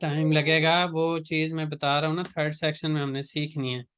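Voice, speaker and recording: A man teaching an online class, patiently drilling words and correcting pronunciation by repeating each one slowly. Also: on the high side, level tone, a bit bright, clear, resonant tone. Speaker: Turkish language teacher.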